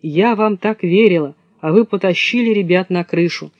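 A man's voice: high voice, moderate pace, no echo, highs cut off. A man voicing a caring female kindergarten head in a storybook reading, in a reproachful manner.

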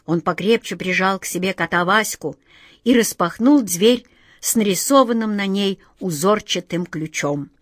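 Brief: woman storybook narrator, calm expressive reading, middle pitch, dry recording. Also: moderate pace, no echo.

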